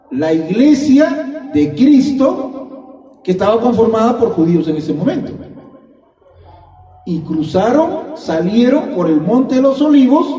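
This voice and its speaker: High-voiced preacher in an echoey hall. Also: male voice, warm tone. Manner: emphatic, repeats phrases, addresses listeners as brother. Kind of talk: sermon. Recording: echoey hall, distant dull mic.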